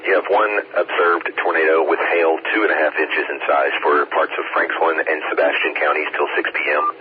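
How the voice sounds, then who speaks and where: A man acting as amateur radio net control, giving terse, procedural storm updates over a two-way radio. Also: a bass voice. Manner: procedural, clipped radio phrasing. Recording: very noisy, tinny narrowband radio link.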